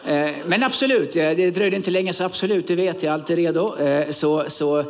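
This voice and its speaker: A middle-aged man from Sweden preaches in a church, his voice sitting somewhat high for a man. He talks haltingly, full of fillers, then lifts into sudden emphatic rises. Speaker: guest preacher. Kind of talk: sermon.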